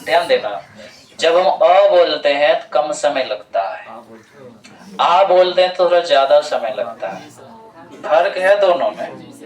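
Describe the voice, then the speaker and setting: A man's voice: on the high side, lively intonation. A man teaching a grammar lesson to a classroom of students, repeating points and quizzing them as he goes. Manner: slow, repetitive explaining, quizzing students. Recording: echoey classroom from far off.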